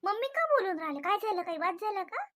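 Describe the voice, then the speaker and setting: An anxious young cartoon wife, voiced by a woman, with a high, bright voice that keeps pleading and asking what went wrong. She repeats names over and over to calm everyone down. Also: fast, heavily acted. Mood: worried asking. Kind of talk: animated comedy dubbing.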